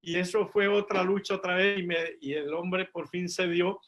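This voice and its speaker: A man's voice: sits high, fairly even intonation, normal speed, fairly bright tone, muffled recording. A pastor preaching, telling a personal story with many repeated words and calling his listeners brothers and sisters. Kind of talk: sermon testimony.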